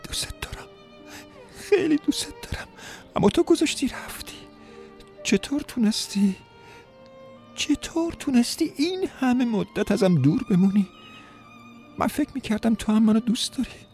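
A man voicing a young woman who pleads softly and tearfully with her lover in an audiobook story. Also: very animated, pauses often, soft background music. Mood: tearful, pleading. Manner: high, soft, pleading.

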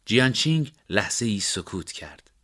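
A man narrating a story in a steady, measured way. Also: lowish voice.

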